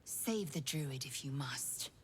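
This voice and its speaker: An actress voicing a cold, ruthless female commander in a video game, speaking in a hushed, commanding way. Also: a bass voice, lively intonation, slow pace, a little hiss or hum, heavily acted.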